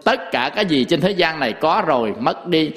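A man's voice: a little high, expressive, a little fast, fairly bright tone, big-room sound. A man giving a Buddhist dharma talk in a folksy way, full of rhetorical questions and stories. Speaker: Buddhist monk teacher.

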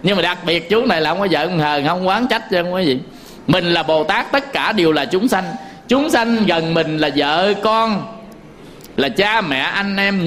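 Over a little hiss or hum, a Buddhist monk teacher speaks in a high voice with a fairly bright tone. His sermon, in a Southern Vietnamese accent, is full of folksy stories, frequent chuckles, and direct talk to his audience.

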